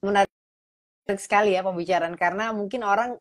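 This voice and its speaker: A woman's voice: medium pitch, a little fast. A woman hosting a casual interview, attentive and affirming, reading out viewer questions. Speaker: host.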